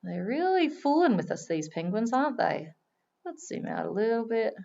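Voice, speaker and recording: A woman giving chatty live commentary on a wildlife stream, now and then breaking into excited exclamations. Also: fairly high pitch, moderate pace, gravelly, muffled recording.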